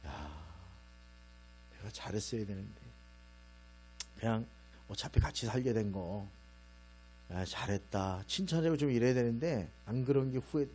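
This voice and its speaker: A man's voice: lively intonation, moderate pace, long pauses. Middle-aged man preaching in a chatty way. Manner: conversational storytelling, acts out his own stern and gentle voices. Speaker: pastor. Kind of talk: sermon. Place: church sanctuary. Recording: low mains hum behind the voice.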